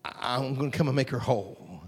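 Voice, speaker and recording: A man preaching a fervent holiness sermon, rhythmic and drawling, often clearing his throat. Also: mid-range voice, expressive, fairly quick. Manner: fervent, rhythmic, drawling with repeated call-outs.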